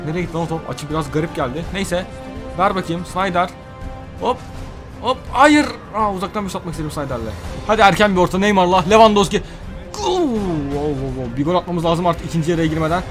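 A young man commentating his own football video game as he plays, excitable, shouting and groaning at every play. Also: high-pitched, fast. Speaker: gaming YouTuber. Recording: faint game music behind.

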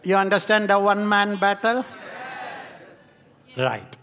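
A man with a South Indian accent preaching in an animated, repetitive style, putting questions to his congregation. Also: sits high, takes it slowly, some chatter behind. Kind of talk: animated interactive sermon.

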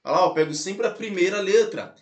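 A Brazilian man with a high voice teaches a grammar class with lively energy. He keeps calling out to his students and slows down to spell letters out one at a time. The sound is roomy and echoing. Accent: Brazilian Portuguese. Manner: lively, addresses viewers as "galera" and "pessoal", spells letters out slowly. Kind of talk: online grammar lesson.

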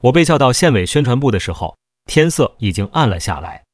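A man tells a long first-person story in a steady, even storyteller's read. His voice sits at a middle pitch. The recording is close and dry, with no room sound. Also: fairly quick, no room sound. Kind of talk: first-person novel narration.

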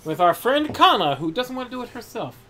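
A man streams a horror game with friends and reads its text aloud in a bright voice. His pitch jumps around a lot, and he swears and jokes as he plays. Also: sing-song, brisk, slight background noise. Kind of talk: casual game commentary.

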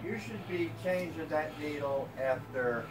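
A man's voice: fairly high pitch, animated, a little slow. A man running a record store, chatting casually and giving practical advice about needles and records. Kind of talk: casual chat. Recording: off-mic in noisy store.

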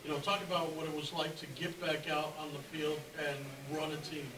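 A man, a sports reporter, putting halting questions at a press conference, full of hesitant fillers. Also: on the high side, little pitch movement, far from the mic, a crowd in the background. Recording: noisy and roomy, from off-mic.

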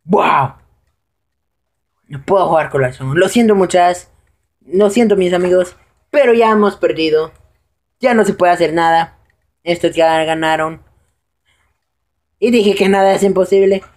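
A man giving casual live commentary over his own gameplay, excitable and prone to high shouts when things go wrong. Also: a little slow, pauses often.

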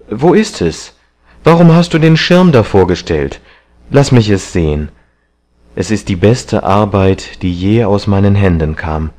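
A man reading an audiobook, voicing a gentle, devoted middle-aged painter who talks in an earnest, coaxing way. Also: lowish voice.

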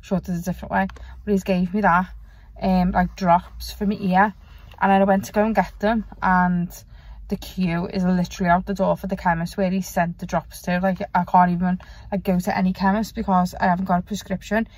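A woman's voice: fairly low pitch, flat delivery, a little fast, darkish tone, no room sound. A young woman vlogging in casual, rambling chat, self-deprecating and swearing now and then. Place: parked car.

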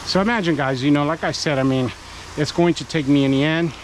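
Guy talking through a pressure wash job outside, easygoing coach vibe, loud outdoor noise and cars going by. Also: on the high side, fast talker. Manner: chatty, encouraging, talks to viewers while working. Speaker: pressure washing business owner and channel host. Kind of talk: casual work vlog with coaching. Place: outdoors at a house being washed. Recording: noisy outdoor recording.

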